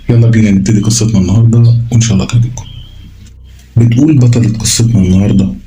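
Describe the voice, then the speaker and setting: A young adult man with an Egyptian Arabic accent, host of a horror story channel, reading a first-person tale in a brisk, even storytelling voice. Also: fairly low pitch, rough recording. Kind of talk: scripted horror narration.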